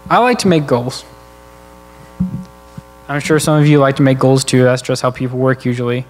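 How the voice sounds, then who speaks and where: A man's voice: mid-range voice, normal speed. A man preaching a sermon in a church, speaking earnestly and conversationally while working through numbered points. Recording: long church hall reverb.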